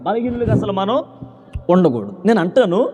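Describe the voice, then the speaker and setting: High-voiced preacher in a hall. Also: male voice, big pitch swings, normal speed, slight background noise. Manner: shifts from loud preaching to low conversational storytelling, calls for hallelujah. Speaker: pastor. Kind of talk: sermon. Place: church hall. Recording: long reverb of a large hall.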